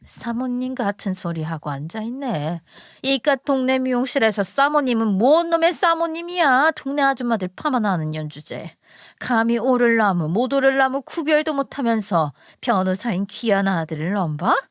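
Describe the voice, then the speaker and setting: A woman's voice: on the high side, animated, moderate pace, no echo, clean studio sound, lightly acted. A woman voicing a haughty, snobbish middle-aged mother-in-law who talks down with scornful insults, in a told story. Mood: contemptuous.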